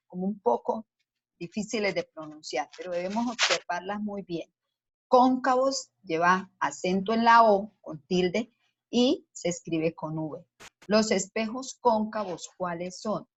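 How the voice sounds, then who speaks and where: A woman teacher giving a science lesson to children, explaining patiently step by step and asking the class questions as she goes. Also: medium pitch. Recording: dull lo-fi sound.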